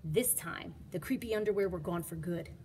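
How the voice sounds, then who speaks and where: A woman's voice: fairly low pitch, normal speed, dark tone, a little hiss or hum. A woman reading a children's storybook aloud as a teacher, with dramatic, emphatic delivery.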